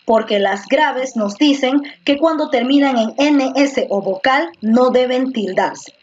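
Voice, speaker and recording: A woman's voice: high voice, measured pace, a little mellow, a little hiss or hum. A woman teacher giving an online class, patiently repeating words and quizzing her students, heard through a computer microphone. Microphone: computer microphone in a video class. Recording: slightly muffled lo-fi audio.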